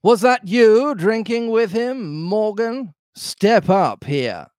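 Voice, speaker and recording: A man voicing a fruity, theatrical, commanding pirate innkeeper with drawn-out, suggestive delivery in a storybook reading. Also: high-pitched, lively intonation, a little mellow, no echo, studio quality, voice pushed up. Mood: indignant, demanding. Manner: drawn out, innuendo-laden delivery.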